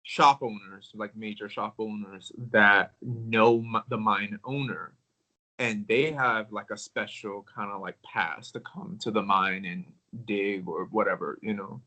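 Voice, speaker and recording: A man in casual conversation about crystals, talking in a relaxed, rambling way with many filler words. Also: fairly low pitch, measured pace, rough recording. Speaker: crystal collector.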